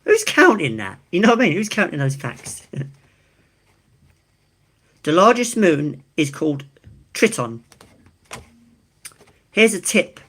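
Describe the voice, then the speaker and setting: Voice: mid-range voice, wildly swooping pitch, a little slow, pauses often, fairly bright tone, breathy edge. A live stream host with an Essex accent, casually reading things out and adding chatty, informal asides. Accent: Essex, England. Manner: chatty, informal, reacts to each fact with amused asides.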